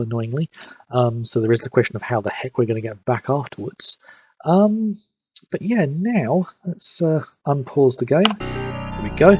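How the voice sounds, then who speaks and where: A man with a slightly high, somewhat mellow voice streams a game and casually recaps its story, sniffling from hay fever. He rambles through his live commentary and fills pauses with "um."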